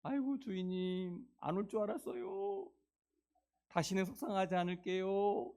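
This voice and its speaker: A man's voice: sits high, very animated, normal speed, gravelly, dark tone, heavily acted. A man voicing a lost, lonely sheep in a sermon, speaking its thoughts plaintively and from the heart. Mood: pleading. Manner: plaintive, heartfelt inner monologue. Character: lost lonely sheep, frightened then relieved.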